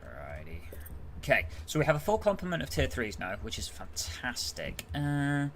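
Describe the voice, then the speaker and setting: A British streamer with a mid-range, somewhat bright voice swings hugely in pitch and keeps a moderate pace, with a little hiss or hum audible. He commentates his game casually and chats with viewers, answering the chat while playing.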